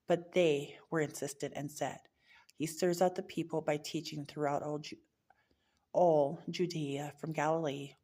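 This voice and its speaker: A woman's voice: low-pitched, dark tone. A woman reading a Bible chapter aloud, now and then stumbling and correcting herself mid-word. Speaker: scripture reader.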